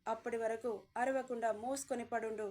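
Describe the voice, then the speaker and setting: Sneaky villain uncle, sweet-talking then nasty, highish voice, woman doing him. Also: little pitch movement, moderate pace, a little mellow, close to an everyday voice. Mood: menacing. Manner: coaxing, then threatening. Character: scheming male kidnapper uncle, menacing and fake-kind.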